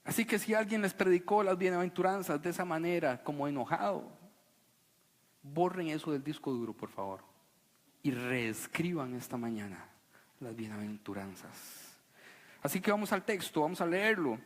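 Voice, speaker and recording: A man preaching a sermon to a congregation, animated and playful, sometimes mocking a solemn preaching voice. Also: fairly high pitch, moderate pace. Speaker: pastor. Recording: long reverb of a church hall.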